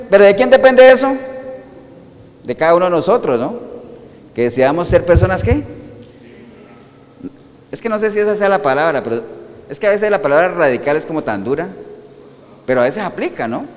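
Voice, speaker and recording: Preacher, male, fairly high voice, lively sermon delivery full of rhetorical questions, long church-hall reverb. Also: normal speed, pauses often. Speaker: pastor.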